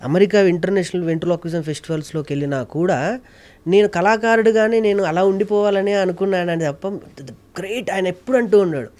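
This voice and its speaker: A man's voice: high voice, quick pace, darkish tone. A man being interviewed as a comedian and film producer, talking emphatically and repeating phrases for effect. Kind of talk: interview conversation.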